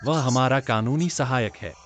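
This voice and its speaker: A man's voice: medium pitch, moderate pace, faint music behind, natural voice. A man dubbing a brash, teasing young man in a TV drama, the friend of the lead. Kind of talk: Hindi dub of a TV drama.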